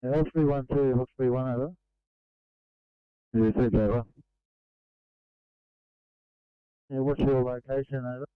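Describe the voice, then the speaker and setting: A man's voice: mid-range voice, steady tone, fairly quick, clean tone, no echo. A man with an Australian accent speaking in terse emergency-service exchanges over a crackly walkie-talkie radio. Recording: dull lo-fi two-way radio transmission.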